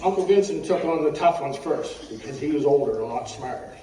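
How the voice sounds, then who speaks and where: A man's voice: fairly high pitch, lively intonation, a little fast. A middle-aged or older man reading a personal eulogy from notes, telling humorous anecdotes in a wry, folksy way. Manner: wry, folksy storytelling, often clearing the throat. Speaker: eulogist at a funeral. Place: echoey room at a funeral service. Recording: roomy, distant mic with faint background noise.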